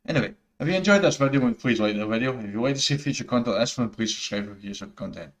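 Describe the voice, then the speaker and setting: This gaming YouTuber talks fast in a mid-range voice with lively intonation. He has a thick Scottish accent and offers rambling, earnest opinions over gameplay footage, often restarting and using fillers.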